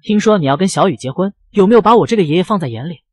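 A man voicing a stern, quick-tempered old grandfather who scolds angrily, in a fast, lively and slightly husky delivery. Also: on the high side, dry recording, clean studio sound. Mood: angry. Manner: angry scolding.

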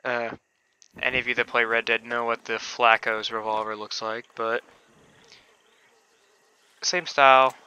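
A man's voice: mid-range voice, level tone, a little slow, pauses often, sharp tone, clean tone. A man giving rambling, hesitant gameplay commentary on a stream, with casual swearing. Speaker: game streamer. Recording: dull lo-fi recording.

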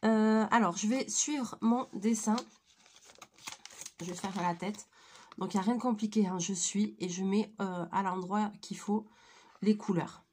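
A woman in her thirties with a voice hoarse from flu, chatting informally and with slang as she presents a craft tutorial. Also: medium pitch, fairly even intonation, unhurried, a little mellow, a little hiss or hum. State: hoarse, croaky from flu, coughing. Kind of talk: casual craft tutorial chat. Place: small attic room indoors.

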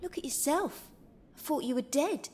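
A woman's voice: high-pitched, animated, normal speed, darkish tone, slight background noise. An actress voicing a bitter, dismissive young woman in a video game, with a scornful, snapping delivery.

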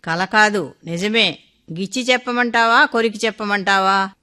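An older man, a devoted old friend, earnest and full of feeling, speaking with a bright, forceful edge as a woman storyteller voices him. His lines are pleading and affectionate, set in a radio story reading. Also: mid-range voice, moderate pace, smooth, lightly acted. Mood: teasing.

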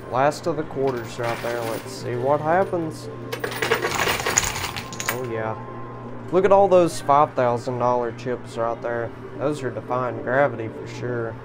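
Man narrating a coin pusher game. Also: mid-range voice. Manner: excited, upbeat running commentary. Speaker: coin pusher channel host. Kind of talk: casual play-by-play commentary. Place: arcade coin pusher machine, indoors.

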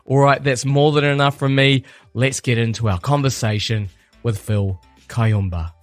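Croaky man hosting a podcast. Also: medium pitch, fairly even intonation, moderate pace, no echo, faint music behind. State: slight cold, croaky. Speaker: podcast host. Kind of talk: podcast intro and interview.

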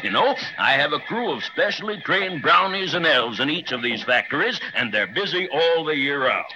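An actor playing a kindly old Santa, a hearty guide in a 1930s children's radio drama. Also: male voice, fairly high pitch, animated, moderate pace, muffled recording, lightly acted. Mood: jolly, kindly. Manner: hearty, avuncular tour guide. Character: Santa Claus, jolly, kindly old man. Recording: noisy 1930s radio transcription.

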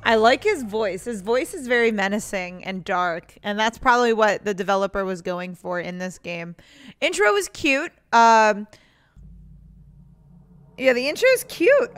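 A young woman streams a game with casual let's-play commentary, now and then reading the game text aloud while faint game music plays underneath. Her medium-pitched voice has lively intonation and a measured pace.

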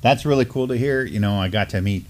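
A middle-aged man co-hosts a casual news discussion in loose, informal phrasing while seated at a table in a small studio. His voice is lowish and fast, with a little hiss or hum on the recording.

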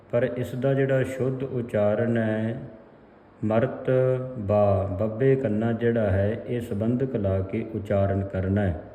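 A man with a Punjabi accent leads a very slow, careful pronunciation lesson, drilling each word and half-singing verse lines. His voice is dark and mellow. The recording is roomy, with a long reverb tail. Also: medium pitch. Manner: slow, deliberate, repeats words to drill pronunciation; chants verse lines in a sung recitation. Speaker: Gurbani pronunciation teacher. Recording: echoey room with long reverb.

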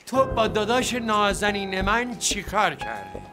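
A man's voice: sits high, big pitch swings. An actor playing a threatening male cellmate who presses another man for answers and orders him to keep his voice down. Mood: menacing.

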